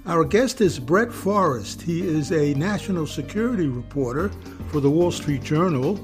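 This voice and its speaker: Host, 80s male, measured scripted intro, slightly high voice, music bed. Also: lively intonation. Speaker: podcast host. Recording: spoken over clear music.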